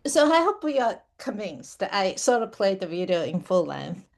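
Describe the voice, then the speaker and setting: A woman's voice: mid-range voice, sing-song, moderate pace, vocal fry. A woman lecturing at a university course, explaining ideas step by step with frequent fillers and restarts.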